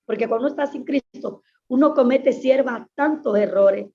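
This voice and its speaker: A woman's voice: on the high side, moderate pace. A woman pastor giving an earnest, emphatic personal testimony in an interview, often repeating her phrases. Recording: dull lo-fi sound.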